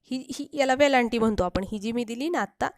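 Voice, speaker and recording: A woman teacher giving a patient spelling lesson for children, repeating syllables slowly and stretching sounds. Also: on the high side, no room sound.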